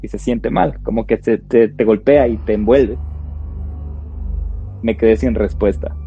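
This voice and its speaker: A man tells a personal ghost story to podcast listeners, slowly and with suspense. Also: fairly low pitch, dark tone, husky. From Ecuador. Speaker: podcast co-host. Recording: dull lo-fi sound with faint music.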